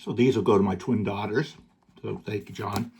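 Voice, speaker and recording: A middle-aged man vlogging about collectibles, relaxed and joking, sometimes talking while chewing candy. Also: fairly low pitch, normal speed, slightly rough. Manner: relaxed, joking, rambling with fillers. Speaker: card collecting YouTuber. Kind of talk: casual vlog, showing gifts to camera.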